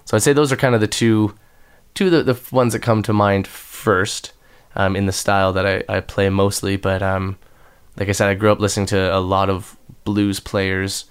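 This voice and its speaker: Speaking at a normal pace with a clean, flat tone on the low side, a young musician guest with a somewhat nasal voice responds to interview questions. He tends to ramble, restarting often and using many fillers.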